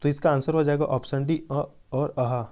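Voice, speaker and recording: A man running a quiz-style exam prep lesson, reading out options and explaining answers slowly with repeated reminders. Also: a little high, fairly even intonation, darkish tone. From Chhattisgarh, India.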